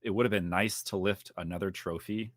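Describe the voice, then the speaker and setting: A young man hosting a casual esports podcast, talking fast and joking around. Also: low-pitched, no room sound, clean studio sound. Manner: energetic, jokey, fast-talking. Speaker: podcast host.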